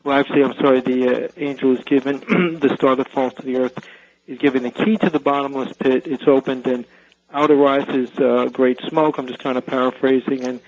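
A man's voice: medium pitch, fairly even intonation. A man calling in to a radio show over a phone line, asking his question in a hesitant, careful way. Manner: hesitant, careful, pauses often. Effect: caller heard over a phone line on radio. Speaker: radio call-in caller. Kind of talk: call-in question to radio pastors.

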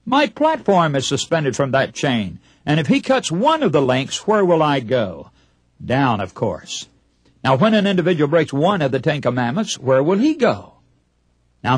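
Animated male radio preacher, husky edge. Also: a little high, no room sound. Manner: emphatic, rhetorical questions to listeners; acts out short imagined dialogues. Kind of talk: broadcast Bible sermon.

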